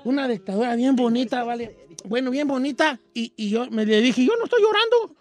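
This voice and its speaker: A man's voice: very high-pitched, animated, brisk, no room sound. A man voicing an old Mexican rancher with a Mexican accent, hosting a radio show and telling a rambling, self-mocking comic story. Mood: folksy storytelling.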